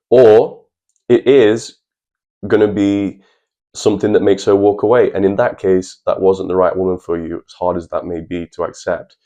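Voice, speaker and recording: A man's voice: low voice, warm tone. A young man giving earnest, chatty advice in a personal vlog, talking straight to the viewers. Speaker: channel host.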